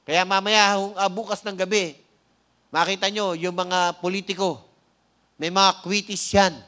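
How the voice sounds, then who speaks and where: A man with a Filipino accent preaching a sermon, often asking the congregation "Amen?" and slowing down to stress key words, with light joking asides. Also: high voice, pushed and bright. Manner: frequent "Amen?" prompts to the congregation. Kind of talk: sermon with opening prayer.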